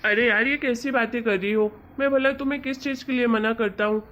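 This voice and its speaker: In an amateur cartoon story, a woman voices an exasperated young husband who reasons, chides, and teasingly lectures with patience, all in colloquial speech. Her voice is a little high and a bit bright, fairly quick, with fairly even intonation and light acting. The audio is dull and lo-fi.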